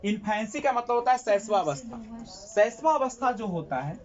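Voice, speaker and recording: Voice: medium pitch, lively intonation, moderate pace, dull audio. A teacher giving a classroom lecture who asks the class questions, answers them himself and repeats key terms.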